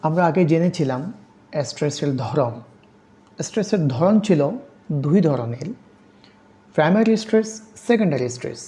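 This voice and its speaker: A woman giving an exam-prep lecture on English grammar, reading English definitions slowly and spelling out letters. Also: low voice, lively intonation, dark tone. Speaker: English teacher.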